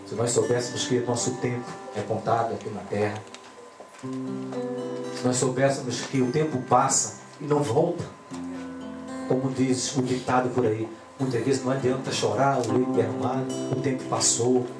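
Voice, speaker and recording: Animated preacher in an echoey church. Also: male voice, mid-range voice, normal speed. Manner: animated, swings between loud exclamations and quiet asides. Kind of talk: pentecostal sermon. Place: church hall. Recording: echoey church with guitar music. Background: guitar playing.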